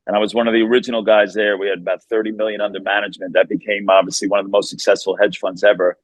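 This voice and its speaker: A man speaks with a Brooklyn, New York accent in a casual interview. His delivery is brisk and informal, with street-casual phrasing. The sound is dry, with very little room on it. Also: lowish voice, little pitch movement, dry recording, rough recording. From Long Island, New York. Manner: informal, peppered with "man" and "you know". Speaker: fast-food founder, interview guest.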